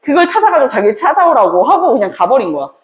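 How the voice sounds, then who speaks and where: A woman teaching a history lesson, telling the story with lively acted-out dialogue between characters. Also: high-pitched, rapid-fire, muffled recording. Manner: lively storytelling, acting out characters in quoted voices. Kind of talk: animated classroom lecture with acted-out dialogue. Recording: echoey room.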